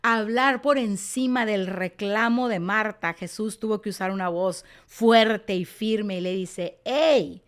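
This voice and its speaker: A woman's voice: medium pitch, steady tone, a little slow, few pauses, clear, resonant tone. A woman teaching a Bible lesson, telling the story earnestly and expressively and reading scripture aloud.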